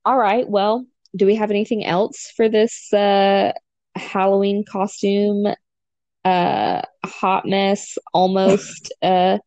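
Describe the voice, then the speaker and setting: A woman's voice: medium pitch, fairly even intonation, darkish tone, dry recording. Chatty young woman podcast co-host. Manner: chatty, laughs easily, quick asides. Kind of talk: casual chat.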